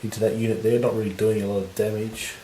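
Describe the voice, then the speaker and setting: Husky man, mellow lowish voice, rambling battle commentary, echoey room, faint noise. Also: fast talker. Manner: relaxed, rambling, lots of fillers. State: husky voice from recovering illness. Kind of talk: casual game commentary.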